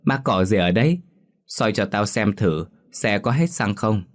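A man's voice: on the low side, animated, a little slow. Man doing a brash, mocking young tough. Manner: brash, teasing, rough-talking.

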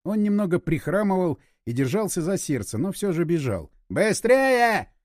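Lively high-voiced male audiobook narrator. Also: fairly quick, no echo, clean studio sound.

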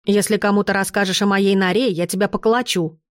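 A cheeky red-haired street boy, as a woman reader puts him on, talks in a gruff, blunt and teasing way. He sounds scrappy and sure of himself throughout this audiobook reading. The sound is dry and close, with no room around it. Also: a little high, lively intonation, moderate pace, no room sound, lightly acted.

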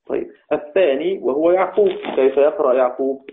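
A man teaching Quranic readings in a lecture, asking his students questions and answering them himself, slowing down to recite verse lines. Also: a little high, slight background noise. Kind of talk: classroom lecture. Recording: tinny phone-like recording.

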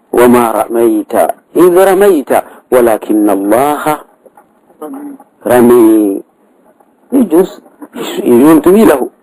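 A man's voice: mid-range voice, mellow, no echo, low-quality recording. A man teaching grammar, explaining a verse text in a lecture, repeating key words and prompting with short tags.

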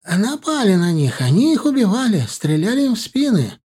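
Male narrator doing a scared, stammering old shepherd, pitched up in an audiobook. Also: big pitch swings, dark tone, slightly rough, full character voice. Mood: hurried. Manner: stammering, hurried.

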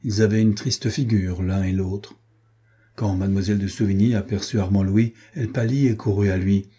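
A man narrating a historical novel as an audiobook, measured and steady. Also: lowish voice, breathy edge. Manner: measured, storytelling. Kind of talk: scripted narration.

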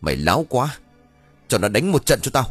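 A man's voice: medium pitch, very animated, brisk, slightly rough, no echo, faint music behind, voice pushed up. Man voicing a cruel old landlord, snarling. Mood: scornful, snarling. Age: over 70. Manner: snarling, scornful shouting. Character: cruel rich old landlord over seventy, contemptuous.

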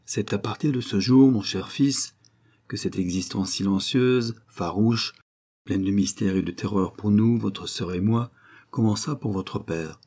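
A man reading the part of a grieving, anguished noble mother in an audiobook, with a husky voice and a solemn way of telling. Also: on the low side, measured pace, a little mellow. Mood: sorrowful.

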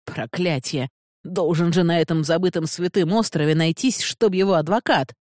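A frantic male scholar under arrest, put on by an audiobook reader, begging and shouting for help. His voice is dark and mellow, recorded dry and close with no room sound. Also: mid-range voice, normal speed, no echo, natural voice. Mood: pleading. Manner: pleading, frantic. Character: desperate captive male scholar doctor. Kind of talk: audiobook character voice.

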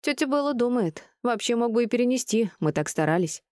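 A woman's voice: a little high, animated, fairly quick, a little mellow, no echo, studio quality, voice pushed up, close to an everyday voice. A woman voicing a cheerful, teasing middle-aged female friend with a playful, slangy way of talking.

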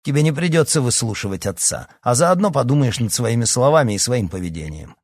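A man's voice: sits low, normal speed, a little mellow, dry recording, studio quality. A man voicing a scornful, mocking middle-aged father. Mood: cold. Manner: sneering, scornful.

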